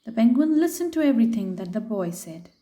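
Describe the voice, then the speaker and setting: A woman's slightly high voice guides children through a picture book read slowly and expressively. Now and then she pauses to draw her young listeners in with questions.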